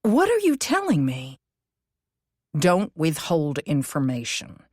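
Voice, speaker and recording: A woman reads as an anxious amateur sleuth in a cozy mystery audiobook. She is a loyal woman, emphatic and questioning, with animated pitch and a dry sound. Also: slow, no room sound, heavily acted. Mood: disbelieving.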